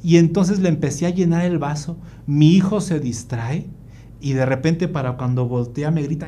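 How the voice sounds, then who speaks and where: A man's voice: fairly high pitch, dark tone, a little hiss or hum. Earnest man telling a family story. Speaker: family workshop speaker. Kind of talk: faith-based family talk with personal story.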